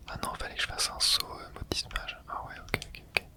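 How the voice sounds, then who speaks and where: A streamer whispering quietly, as if at night, giving casual, rambling ASMR commentary while playing a game and thinking aloud. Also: fairly quick. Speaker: video creator and streamer.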